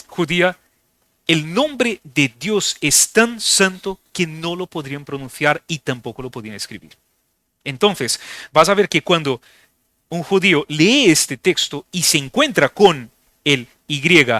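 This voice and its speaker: A man's voice: a little high, pushed and bright, no echo. A man preaching a sermon in a church, explaining a text step by step and often checking in with his listeners. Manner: explanatory, asks listeners for agreement. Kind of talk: sermon teaching.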